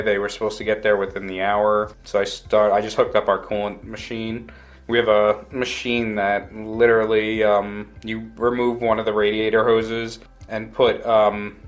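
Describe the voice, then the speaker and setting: Low, even-toned man, plain-spoken mechanic. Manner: plain-spoken, matter-of-fact. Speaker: automotive technician being interviewed. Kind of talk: casual interview, recounting a work day.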